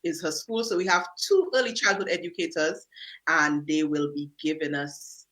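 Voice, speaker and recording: A woman's voice: deep voice, steady tone, normal speed, fairly bright tone, poor audio. A woman hosting a radio talk show, chatty and easygoing, often restarting her sentences. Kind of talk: casual radio chat.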